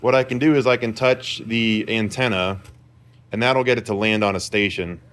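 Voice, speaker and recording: A man with a fairly low, fairly bright voice speaks steadily at normal speed, with slight background noise. A vlogger in an indoor repair shop, he casually shows off a repaired vintage car radio, rambling in an informal, self-assured, hobbyist way.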